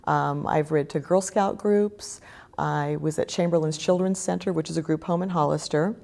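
A woman storyteller, earnest and warm, talking on a local TV show about reading to kids. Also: low-pitched, steady tone, normal speed, vocal fry. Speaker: storyteller guest. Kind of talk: interview then storybook narration. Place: local TV studio.

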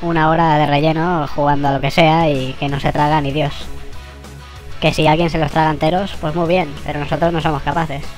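A channel host with a Spain Spanish accent, voice sped up like a tape on fast forward, giving a sarcastic, swear-laden anniversary monologue. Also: mid-range voice. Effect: sped-up squirrel voice, like a tape on fast forward.

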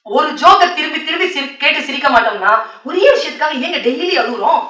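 A woman giving a motivational speech, telling stories, often laughing and slowing down for solemn lines. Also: high-pitched, expressive, bright, forceful tone, distant mic. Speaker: motivational speaker. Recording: echoey hall, voice from off the mic.

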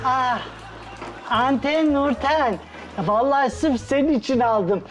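A man's voice: very high voice, slow pace. An actor playing a jovial neighbourhood man who boasts and laughs as he shows off. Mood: boastful.

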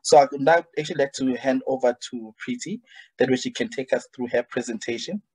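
Husky-voiced young man introducing a guest. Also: mid-range voice, brisk, darkish tone, low-quality recording. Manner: hesitant, many ums. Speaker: webinar host. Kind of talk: reading a guest bio. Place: indoor room, padded wall behind. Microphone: video call webcam.

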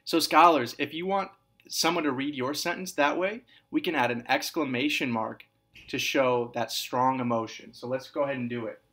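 Man teaching a lively video writing lesson. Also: medium pitch, moderate pace. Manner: repeats each point, lively sing-song emphasis on example sentences; calls the children "scholars". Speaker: kindergarten and first grade teacher. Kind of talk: recorded video lesson for young children.

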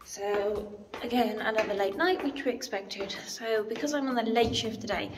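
A woman vlogger rambles casually on a walking vlog, leaning on plenty of "so" and "um" as she films on a phone held at arm's length. She moves between town streets outdoors and her home indoors. Her voice sits a little high, her pace is normal, and there's background noise.

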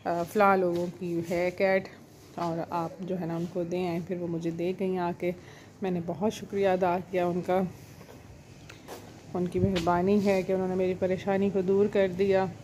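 A woman from Pakistan, telling a home story in a relaxed, even way as a vlogger. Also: fairly low pitch, slight background noise. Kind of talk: casual vlog narration. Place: home rooftop, outdoors.

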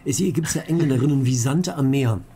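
Mellow-voiced German man joking over gameplay. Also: mid-range voice, brisk, slight background noise. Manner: joking, reads out chat questions. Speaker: let's play host. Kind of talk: casual gameplay commentary.

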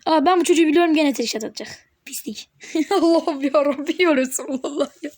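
A woman giving live gameplay commentary on her channel, excitable and teasing, talking back at the game as she plays. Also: high-pitched, brisk. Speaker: gaming channel host.

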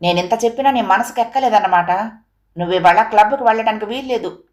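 A woman's voice: medium pitch, moderate pace, close to an everyday voice. Woman reading as a feverish husband, reproachful, earnest, pleading. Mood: angry. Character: feverish hurt husband, pleading then angry.

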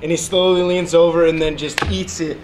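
A man recounts a funny moment with lively storytelling. His voice sits a little high. Clear background noise runs underneath. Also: brisk. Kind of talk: interview.

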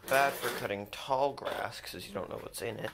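A man narrating a casual vlog in a monotone with little word stress, recorded outdoors on a handheld device. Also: on the low side, normal speed, vocal fry. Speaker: vlog host. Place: outdoors in a yard. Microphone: handheld camera or phone mic. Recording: loud outdoor engine noise, clicks, handheld.

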